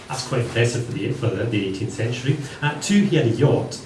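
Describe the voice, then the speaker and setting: A man's voice: medium pitch, lively intonation, fast, a little mellow, echoey room. Male stand-up comedian, Hebridean Scottish accent, wry delivery, distant mic, faint background noise. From Western Isles of Scotland. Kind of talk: live stand-up comedy monologue. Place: live comedy venue with audience.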